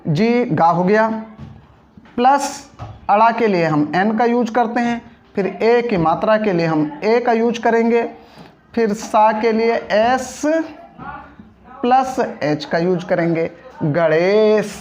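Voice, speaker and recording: A patient teacher talks through a spelling lesson at an unhurried pace. Each word is split into pieces and rebuilt, with frequent check-up questions to the class. The recording sounds dull and muffled. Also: mid-range voice, a little mellow. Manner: patient, breaks words into syllables, asks check-up questions. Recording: dull lo-fi audio.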